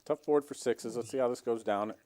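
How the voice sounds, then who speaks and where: A man's voice: mid-range voice, a little fast. A man commentating a live poker stream, walking through each hand play by play. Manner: relaxed play-by-play, explains the hand.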